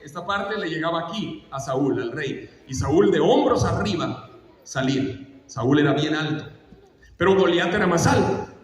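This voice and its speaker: A man preaching with animated storytelling, drawing his congregation into the tale. His voice sits high and bright for a man. It is picked up from afar in a big, reverberant church hall. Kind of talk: sermon. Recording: echoey church hall, mic far off.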